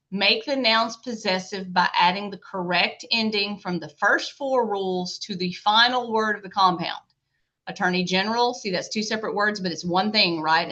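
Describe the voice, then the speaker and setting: A woman's voice: mid-range voice, bright, forceful tone. A middle-aged woman teaching a recorded grammar lecture in a chatty way, often checking in with "okay?" and "right?". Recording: dull lo-fi lecture audio.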